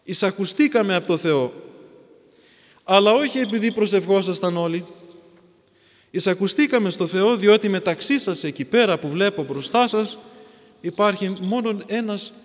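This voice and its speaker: A preacher voicing a stern pillar saint. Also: male voice, high voice, animated. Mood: solemn. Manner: solemn, reproachful, repeats himself for emphasis. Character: stern holy male ascetic on a pillar, rebuking a crowd. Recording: long hall reverb.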